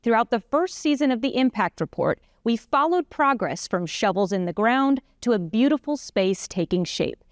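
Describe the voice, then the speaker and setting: Woman, news anchor, animated pitch, dry studio sound. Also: moderate pace, hardly any pauses, dry recording. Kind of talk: scripted news presenting.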